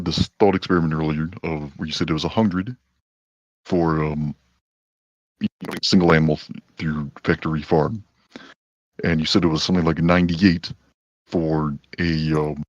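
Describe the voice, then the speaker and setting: Extremely deep, pitch-shifted-sounding husky man. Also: steady tone, moderate pace, pauses often, no echo. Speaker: debater on a live call-in show. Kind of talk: casual debate. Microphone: online voice call. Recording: dull, lo-fi voice chat audio.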